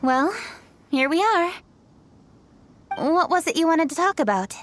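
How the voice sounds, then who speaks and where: A young woman playing a composed, dutiful noblewoman official in a video game, speaking in a formal, measured and polite way. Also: very high voice, very animated, a bit bright, full character voice. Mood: calm, attentive. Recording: faint background music.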